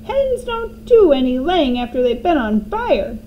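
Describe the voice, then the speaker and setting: A cranky old grandmother yells in a shrill, high voice, as a woman puts her on. She drags her words out slowly and swings her pitch widely as she shouts. A faint hiss sits underneath. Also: sing-song, dull audio. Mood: alarmed.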